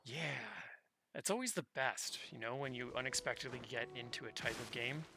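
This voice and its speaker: A man livestreams a game and chats casually while he plays, sounding easygoing, slangy and conversational. His mid-range voice is brisk, and the noisy background carries game music.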